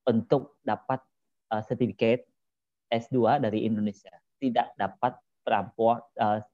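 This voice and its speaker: A man with a Cambodian accent and Khmer as his first language, speaking Indonesian as a foreigner in halting, simple phrases with repeated words in a casual interview. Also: on the low side, fairly even intonation, warm tone, no echo, lo-fi sound. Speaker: interview guest, former foreign student.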